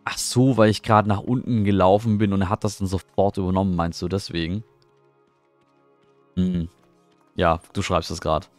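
In a low, darkish voice with fairly even intonation, a middle-aged man streams a game from home at a moderate pace, leaving long pauses. There is no echo. He rambles casually, answers his chat, and often sounds puzzled, with faint game music behind him.

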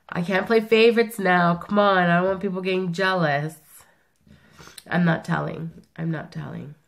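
A middle-aged vlogger whose first language is Italian speaks in a fairly low, gravelly voice, rough from being sick. She chats and rambles through a tag video, correcting herself as she goes, recorded on a webcam in a small room.

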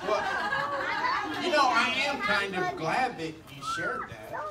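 A woman's voice: fairly high pitch, huge pitch swings, slow pace, a loud crowd, heavy background noise, full character voice. A woman playing a jumpy jungle explorer leader in a church kids' skit, with a flustered, defensive way of talking. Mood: earnest. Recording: echoey hall, far mic, loud kid audience.

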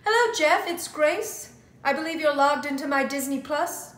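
A dry, fed-up young woman who answers in a deadpan, dismissive way, played by a woman in a comedy sketch. Her voice is high and bright. The room gives it a noticeable echo. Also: moderate pace. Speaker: actor.

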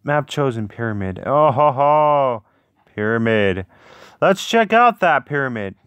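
A man hosting a gaming video with casual, excitable, reactive commentary, often repeating short phrases. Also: mid-range voice, a little slow, clear, resonant tone, no echo, highs cut off.

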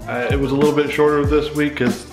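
A man's voice: on the high side, little pitch movement, fast talker, music in the background. Casual American man vlogging. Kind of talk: casual vlog narration.

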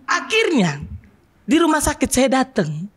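A young man performing a stand-up comedy bit as a podcast guest, telling stories with animated delivery and shouted punchlines. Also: extremely high pitch, measured pace, breathy edge. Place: podcast studio.

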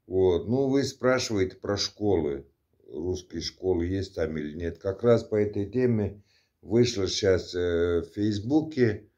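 Low, dark-voiced man, halting vlog talk. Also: highs cut off. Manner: halting, with many fillers and restarts. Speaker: vlogger answering a subscriber. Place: indoors at night.

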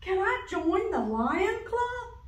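A woman voicing an eager, naive little male duck who speaks in a high, hopeful way. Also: big pitch swings, slow, heavily acted. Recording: roomy, from a distance.

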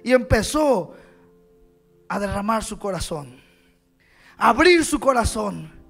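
High-voiced man preaching a story sermon. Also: big pitch swings, slow pace, vocal fry, a bit bright, soft background music. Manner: storytelling preacher, acts out dialogue with call-outs to the congregation. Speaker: pastor. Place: church.

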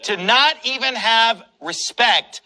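A male pastor preaching with a high, bright voice that has a hard, forceful edge. He delivers his sermon combatively, mocking his opponents and hammering every point home. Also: takes it slowly, poor audio.

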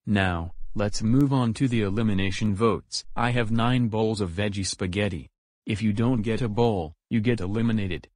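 A man's voice: fairly low pitch, normal speed, darkish tone, no room sound, close to an everyday voice. A man voicing a cartoon hedgehog announcer, reading votes in a plain announcing manner. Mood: upbeat. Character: cheerful hedgehog announcer, male.

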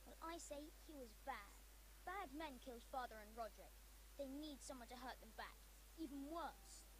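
A young boy in a story game, bitter and set on revenge. His voice is high and piping over game audio with a faint hiss. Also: animated, moderate pace. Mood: vengeful.

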